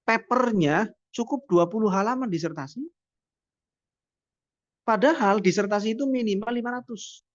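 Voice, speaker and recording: This is a man lecturing a university class at normal speed, his voice sitting high and broken by frequent pauses. He keeps it conversational, posing rhetorical questions and then answering them. There's no echo, and the lo-fi sound is dull and dry.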